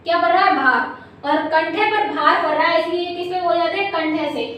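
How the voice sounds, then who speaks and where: Woman grammar teacher, very high pitch, quizzes and answers herself, far from the mic in a very echoey room. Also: brisk, a bit bright. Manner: asks questions and answers them herself, drilling by repetition. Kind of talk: exam-prep lesson.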